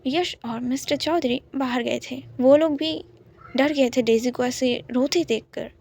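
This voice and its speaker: A woman narrating a romance story in a calm, soft-spoken way. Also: sits high, unhurried, vocal fry.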